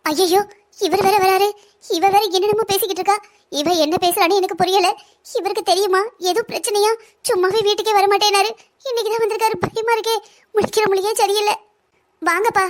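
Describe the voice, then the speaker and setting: A woman's voice: extremely high pitch, fast talker. A woman voicing a worried middle-aged mother in a family cartoon, pleading with and soothing her husband and daughter. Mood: anxious. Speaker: mother of the heroine. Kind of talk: Tamil cartoon voice acting.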